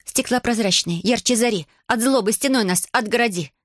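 A woman's voice: a little high, a little fast, no echo, clean studio sound, voice pushed up, natural voice. A woman voicing a bold, cheeky young sorceress with a wand, speaking confidently, read for an audiobook. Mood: cocky.

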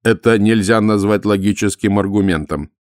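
A man voicing a calm, polite male golem who speaks in an even, measured way. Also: sits low, no echo, clean studio sound, lightly acted.

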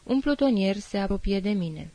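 A woman's voice: medium pitch, no echo. Woman reading a literary novel aloud. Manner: measured, expressive. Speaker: audiobook reader. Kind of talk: literary audiobook narration.

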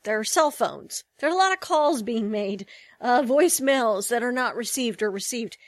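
A woman's voice: fairly high pitch, expressive, moderate pace, no room sound. A woman co-hosting a podcast, chatting loosely about a TV episode, rambling and correcting herself as she goes. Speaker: podcast co-host. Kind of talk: casual TV episode discussion.

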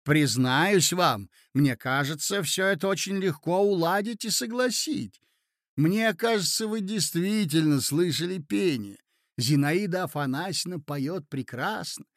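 A man doing a nervous, reasoning young gentleman. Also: on the high side, expressive, no room sound, clean studio sound, pitched above the performer's own voice. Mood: placating. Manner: measured, reasoning tone. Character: young gentleman nephew, nervous but composed.

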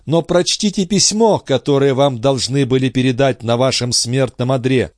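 A man's voice: medium pitch, normal speed, a little mellow, no echo, clean studio sound, voice pushed up, close to an everyday voice. A man voicing a young noblewoman who pleads in breathless, emotional bursts. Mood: tearfully joyful. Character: young noblewoman, anguished and passionate.

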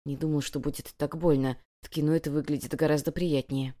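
A woman reading the part of a wounded young man who speaks quietly through pain. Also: sits low, steady tone, a little fast, natural voice. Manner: quiet, strained, mocking.

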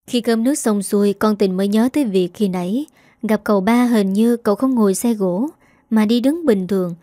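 Lady narrating a spooky story, mellow voice, dry close mic. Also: medium pitch, fairly quick, no room sound. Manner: steady dramatic storytelling. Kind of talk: scripted horror story narration.

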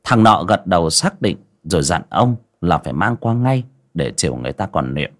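A male storyteller tells a folksy tale. His voice is fairly low but rises and falls expressively. He gives every scene vivid colour. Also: animated, normal speed.

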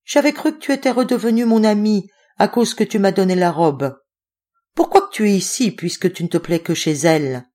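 A woman's voice: medium pitch, brisk, mellow, natural voice. Woman reading as a trembling young woman. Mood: pleading. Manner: pleading, trembling. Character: tearful young woman of the woods.

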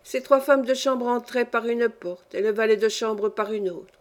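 A woman narrating a classic short story for an audiobook, her voice sitting on the higher side. She reads in a measured, clear way, letting each phrase land. The delivery is steady, literary narration. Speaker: audiobook reader.

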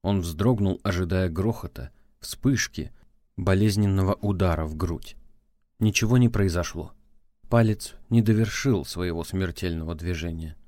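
A man narrating an audiobook in a steady, measured storytelling manner. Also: sits low, dry recording, clean studio sound.

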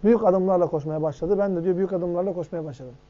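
A high, quick-speaking man leads a religious lesson, rattling off Arabic lines and then explaining them with questions to his listeners. His voice is mellow and dark in tone. The recording is dull and lo-fi. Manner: reads Arabic text fast, then explains it in Turkish with questions to the audience. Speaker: hadith teacher. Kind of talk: lecture on hadith.

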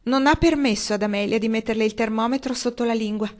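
Whiny fussy cousin lady, bit higher, moaning, put on by a woman reader. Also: big pitch swings, moderate pace. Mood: whining. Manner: whining, plaintive. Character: whining fussy female cousin.

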